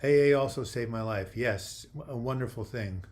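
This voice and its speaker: An older man hosts a live video chat, reading viewer comments aloud and replying in a friendly but halting way, often restarting. He has a mid-range voice with a darkish tone.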